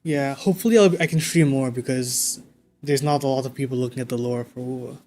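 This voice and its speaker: A man livestreaming a game, talking casually and thinking out loud in a conversational way. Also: medium pitch, brisk, slight background noise. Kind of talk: casual livestream chat while playing a game. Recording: game music behind the voice. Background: video game music.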